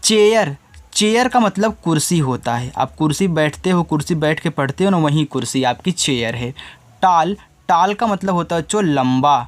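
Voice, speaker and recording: A male teacher teaching children, spelling words slowly letter by letter and repeating the answers. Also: fairly high pitch, expressive. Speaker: English teacher.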